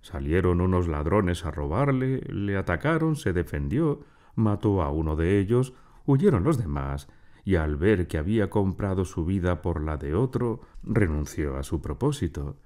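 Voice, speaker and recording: A man with a very low, dark voice narrates a literary novel as an audiobook. His reading is measured yet expressive, with a wide, lively melody.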